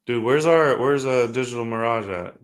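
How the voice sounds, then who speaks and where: A man co-hosting a casual hockey watch-party podcast, easygoing and quick to laugh. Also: mid-range voice. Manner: easygoing, laughs often, halting restarts. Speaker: podcast co-host.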